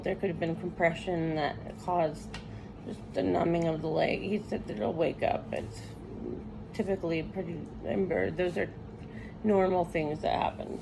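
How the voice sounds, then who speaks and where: A woman recovering from surgery, sounding weak and tired, chatting casually and haltingly from a hospital room. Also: mid-range voice, vocal fry, noisy background. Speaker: patient vlogger recovering from surgery. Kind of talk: casual chat to camera.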